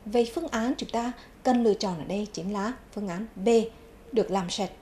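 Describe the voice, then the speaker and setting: A woman's voice: medium pitch, dark tone, a little hiss or hum. A woman teaching a televised English vocabulary lesson, repeating each English word twice before giving its meaning. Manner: clear, measured classroom delivery. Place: TV studio.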